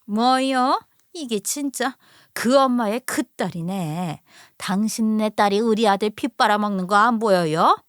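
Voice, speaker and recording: A woman voicing a harsh, insulting older mother-in-law who shouts and scolds, in a storybook radio reading. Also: mid-range voice, measured pace, no room sound, clean studio sound, close to an everyday voice. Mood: furious.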